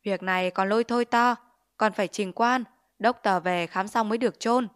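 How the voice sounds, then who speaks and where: In a Vietnamese storybook reading, a woman voices a greedy, bullying male village chief who blusters, sneers, and extorts with threats. Her mid-range voice is smooth and close to everyday speech, moving at a moderate pace, and the mood is menacing.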